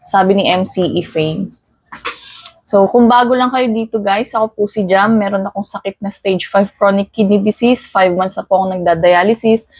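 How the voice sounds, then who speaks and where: A woman's voice: medium pitch, moderate pace, darkish tone, breathy edge, no room sound. A young woman from the Philippines talking candidly in a casual vlog, mixing English words into her plain speech. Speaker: vlogger.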